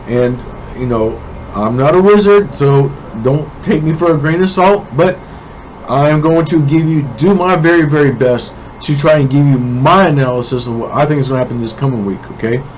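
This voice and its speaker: A man's voice: a little high, normal speed, a little mellow, a little hiss or hum, poor audio. Congested man with a cold. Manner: casual, keeps checking in with "okay?". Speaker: forex trading analyst. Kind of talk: weekly market prediction talk.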